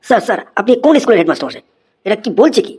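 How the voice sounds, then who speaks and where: A flustered new male schoolteacher in a cartoon comedy, as voiced by an actor, rattling off quick complaints. He exclaims and scolds, exasperated by everyone around him. The pitch sits at a middling level. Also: sing-song, darkish tone, slightly rough, full character voice. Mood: complaining.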